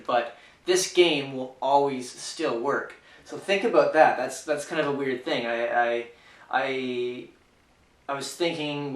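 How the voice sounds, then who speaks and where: A man's voice: mid-range voice, a bit bright. A man giving a casual, unscripted board game review, hesitant and full of fillers and restarts. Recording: echoey room, mic far off.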